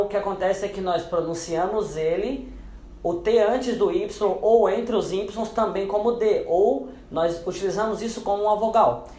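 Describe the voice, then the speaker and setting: A man gives an English pronunciation lesson, patiently explaining each rule and repeating the example words several times, his voice dropping lower on them. His tone is a little mellow, and the sound is reverberant.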